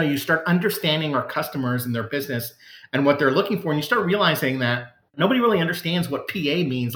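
A man's voice: a little high, fairly bright tone. Earnest executive man in a roomy room. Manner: earnest, conversational, many fillers and restarts. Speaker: customer service executive, guest. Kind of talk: podcast interview answers.

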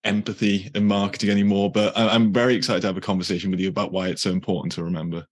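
A man hosts an upbeat marketing podcast interview, repeating words and often saying "like." His deep voice is husky, level in tone and rapid-fire.

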